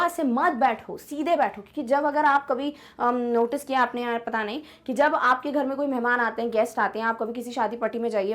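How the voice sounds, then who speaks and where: In an online lesson, a young woman teacher explains an English poem in Hindi, chatting as she goes. She often checks that students are following and reads the English lines slowly, her voice sitting high.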